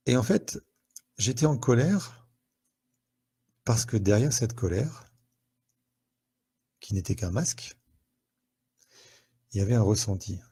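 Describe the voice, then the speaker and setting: A man's voice: on the low side, lively intonation, takes it slowly, pauses often, dark tone, breathy edge. A French man, a therapist, hosting a live online talk to viewers, conversational and full of questions and fillers, on a headset mic.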